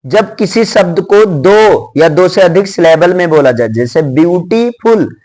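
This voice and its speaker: A man teaching English grammar in a casual classroom manner, mixing Hindi with English, asking and answering his own questions, and reading the example sentences slowly. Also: high voice, lively intonation, a little mellow. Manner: mixes Hindi with English terms.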